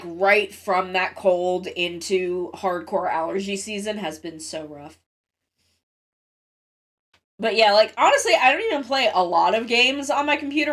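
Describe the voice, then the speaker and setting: Sniffly and congested, a lowish-voiced woman chats casually with livestream viewers. She rambles, interrupts herself, and swears without restraint.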